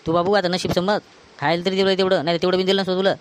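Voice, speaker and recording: In a village comedy skit, a man with a Varhadi Marathi accent plays an angry brother scolding his drunk sibling in a rapid-fire way. His natural voice is high-pitched with little pitch movement.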